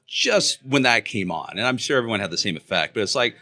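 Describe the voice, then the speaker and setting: A man hosting a podcast, talking casually in a halting, rambling way with many restarts and laughter. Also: mid-range voice, animated, sharp tone. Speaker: podcast host.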